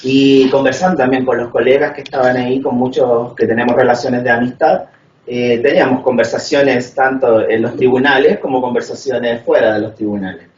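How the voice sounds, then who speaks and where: In an echoey lecture hall, a man from northern Chile puts a long, structured question to a conference speaker, laying out his points methodically and often filling gaps with "eh." His medium-pitched voice stays fairly even and measured. He sounds distant and a bit dull on the lo-fi recording, with faint room hum behind him.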